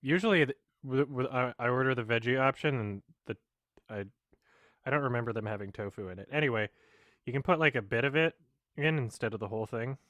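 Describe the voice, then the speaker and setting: A man's voice: mid-range voice, brisk, fairly bright tone, no room sound. A man chatting in a casual, offhand, rambling way as he hosts an eating vlog. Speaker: mukbang host.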